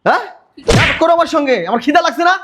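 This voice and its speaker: Brief: young actor as a spoiled, demanding younger brother; fast, whiny. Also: male voice, very high-pitched, heavy background noise. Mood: rude. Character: lazy spoiled younger brother, hungry and rude. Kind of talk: village family drama acting.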